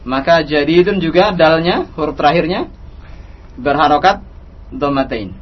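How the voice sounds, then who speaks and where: A man teaching an Arabic grammar lesson who reads practice dialogue slowly and repeats each line. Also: a little high, expressive. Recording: dull lo-fi recording.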